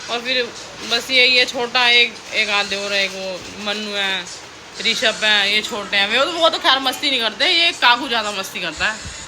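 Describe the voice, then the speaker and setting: A woman's voice: medium pitch, moderate pace, noisy background. A woman filming a casual family vlog, teasing and laughingly scolding the kids and a young relative. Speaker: vlogger. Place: outdoors and at home with family.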